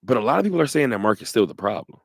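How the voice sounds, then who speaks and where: A man hosting a sports radio talk show, talking in an animated way, laughing often and repeating his points. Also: mid-range voice, racing, vocal fry, no echo, clean studio sound.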